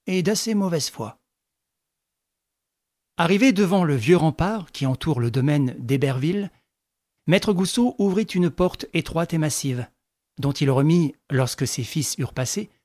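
A man narrating an audiobook in a measured, even storytelling manner. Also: a little high, no room sound. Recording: dry close recording with faint music.

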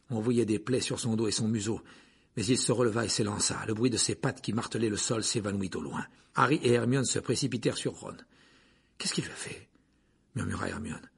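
A man reading a fantasy novel aloud as audiobook narrator, telling it dramatically with hushed passages. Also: medium pitch. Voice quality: husky, gravelly. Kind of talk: scripted narration.

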